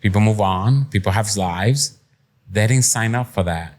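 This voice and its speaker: A middle-aged Puerto Rican man, a podcast guest and entrepreneur, speaks candidly in a conversational interview, sharing personal stories. His voice sits on the low side and is a little mellow, with a measured pace. He comes across as plain-spoken, streetwise and reflective.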